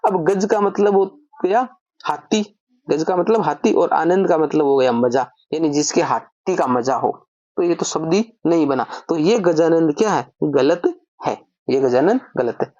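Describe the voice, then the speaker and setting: A woman's voice: deep voice, a little slow, mellow, no room sound, dull audio. A woman teaching an online grammar lesson, explaining step by step and asking and answering her own questions.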